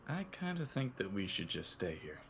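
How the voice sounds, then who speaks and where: A man narrating a visual novel in a put-on cowboy drawl. His voice sits very low and has a gravelly edge, with faint music playing under the reading. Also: very animated, moderate pace, a bit bright. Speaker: narrator and lead reader.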